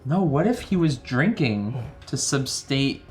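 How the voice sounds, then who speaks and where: A man's voice: mid-range voice, big pitch swings, unhurried, slight background noise. A man playing a tabletop game, bantering casually and jokily with the group. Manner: jokey.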